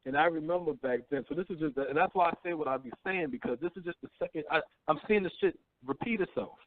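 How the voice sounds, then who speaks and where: A fast-talking man in his 30s with a voice on the high side hosts a casual call-in radio show. He preaches bluntly and with profanity, often asking "you know what I'm saying," and the sound is tinny, like it's over a phone line.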